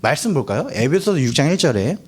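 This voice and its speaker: Lively, playful young man preaching to teens. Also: fairly high pitch, quick pace, husky. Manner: playful, asks the students questions, acts out quotes. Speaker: youth pastor. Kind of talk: lively youth sermon. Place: church hall.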